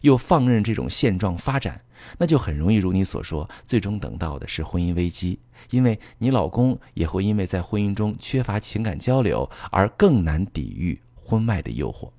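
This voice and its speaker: A man with a low voice hosts a relationship advice talk, explaining and instructing in an earnest way. His pitch moves a lot as he speaks straight to his listeners. The recording is close and dry. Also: very animated, moderate pace, warm tone, dry recording. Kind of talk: advice monologue.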